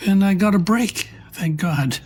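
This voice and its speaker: High-voiced man in a hockey interview. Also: measured pace, darkish tone, slight background noise. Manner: casual, with fillers. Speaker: former player interviewee.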